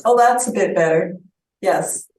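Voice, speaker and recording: Woman, board chair, polite and brisk, mid pitch, roomy boardroom sound. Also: a little mellow. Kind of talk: chairing a formal hearing.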